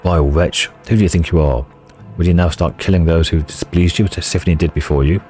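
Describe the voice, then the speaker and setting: A man's voice: deep voice, fairly even intonation, brisk, darkish tone, lightly acted. A man reading the lines of a furious noblewoman in a game, accusing and desperate.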